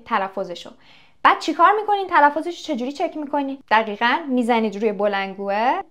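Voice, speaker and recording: A young woman teaching English in a casual video lesson. She talks straight to the viewers, asks them questions and acts out little anecdotes. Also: on the high side.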